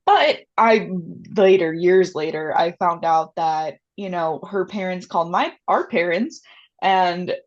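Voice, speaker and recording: A woman with a fairly low voice chats informally as a show co-host. Her delivery is casual and conversational, and the recording is a little dull. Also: unhurried. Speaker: book review co-host. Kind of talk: casual chat.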